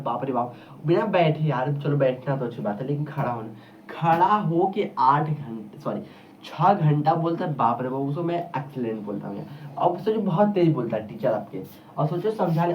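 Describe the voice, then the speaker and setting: A male teacher giving a casual whiteboard lesson, chatty and rambling, speaking straight to his students. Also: fairly high pitch. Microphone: camera across the room. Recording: distant muffled camera audio, faint hiss.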